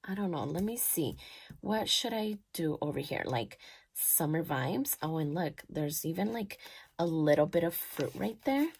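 A woman in her thirties talking her way through a planner layout in a relaxed, unhurried way. Her voice sits low with a gravelly edge, yet swings widely up and down as she gushes over little details and thinks aloud. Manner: chatty and gushing, thinking aloud, soft at times. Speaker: planner vlogger. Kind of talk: casual voice-over while decorating a planner.

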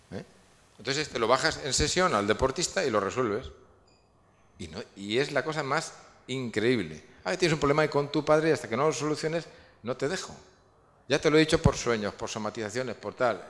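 A man's voice: medium pitch, a bit bright. A man giving a public lecture, rambling and restarting often as he explains his ideas. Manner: rambling, many restarts and fillers. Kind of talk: public lecture with audience questions. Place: large lecture hall. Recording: long hall reverb.

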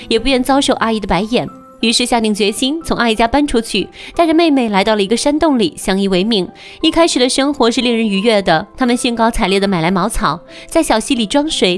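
Fast-talking woman narrating a film recap. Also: a little high. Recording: narration over faint background music.

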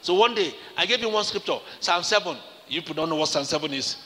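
A man's voice: fairly high pitch, expressive, fast talker, pushed and bright, in a large hall. A man preaching a sermon as pastor, emphatic and acting out the conversations he retells. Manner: emphatic preaching, acts out quoted exchanges.

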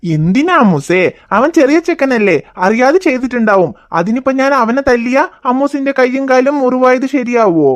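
Woman voicing a soft, patient cartoon dad, calm and soothing, fairly high for a man. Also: moderate pace. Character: gentle, patient father of small children. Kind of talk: cartoon voice acting.

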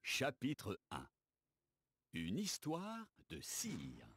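A game narrator telling a fairy tale in a gentle storybook manner. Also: medium pitch, wildly swooping pitch, drawn-out words, full character voice. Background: loud game music.

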